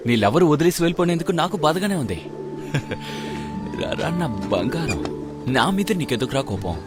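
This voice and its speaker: A man's voice: a little high, very animated, moderate pace, over loud music. An actor playing a joking, easygoing young man in dubbed film dialogue. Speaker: friend and son-in-law.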